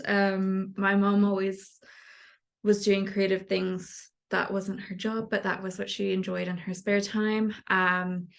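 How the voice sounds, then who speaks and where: In a mid-range, creaky voice, a young adult knitwear designer from the United States chats casually during an interview. She rambles in a relaxed way, full of fillers and little laughs.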